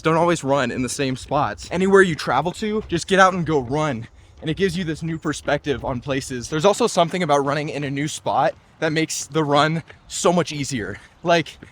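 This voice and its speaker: Out on a trail, a running vlogger in his twenties keeps up a cheerful, chatty stream of talk full of "like" and "just," occasionally winded as he runs. His voice sits on the high side, with slight background hiss or hum.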